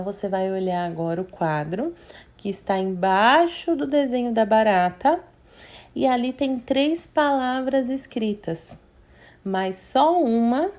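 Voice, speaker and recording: A woman teacher, guiding young children through a worksheet. She speaks slowly and patiently in a mid-pitched voice and breaks words into syllables. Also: a little mellow. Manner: slow, patient, sounding out syllables. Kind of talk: remote literacy lesson for young children.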